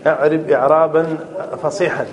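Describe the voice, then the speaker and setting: A man with a high voice gives a classroom grammar lesson, repeating examples over and over so they stick. He keeps checking "clear?" and hands the floor to students. A faint hiss of background noise runs under his voice. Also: little pitch movement, brisk. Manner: prompts students to answer; repeats key phrases to drill them. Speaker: teacher of Arabic grammar.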